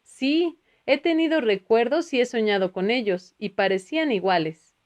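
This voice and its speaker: A woman's voice: a little high, lively intonation, normal speed, darkish tone, close to an everyday voice. Woman reading as a curious wry guy asking questions, audiobook. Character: earnest middle-aged man, the curious narrator.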